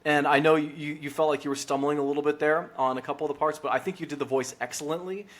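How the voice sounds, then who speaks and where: A man's voice: a little high, fairly even intonation, fast talker. A man hosting a podcast interview, chatty and encouraging toward his guest. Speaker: podcast host. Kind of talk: casual interview.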